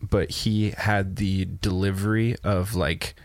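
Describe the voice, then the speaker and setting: Low-voiced, blunt man chatting on a podcast. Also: little pitch movement, slow pace, no echo. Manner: blunt, profane. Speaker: podcast co-host. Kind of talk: casual chat.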